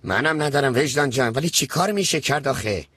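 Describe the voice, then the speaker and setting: An actor playing a scheming, desperate uncle in debt who rambles and pushes others, in a dubbed TV drama. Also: male voice, mid-range voice, lively intonation, a bit bright, husky. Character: scheming, desperate middle-aged man. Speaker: uncle in debt chasing an inheritance.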